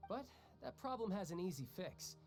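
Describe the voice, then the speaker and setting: With game music playing, an actor delivers video game dialogue as a cocky young male warrior, teasing, joking breezily and laughing a lot. He has a high voice with a darkish tone, very animated delivery and a normal speed.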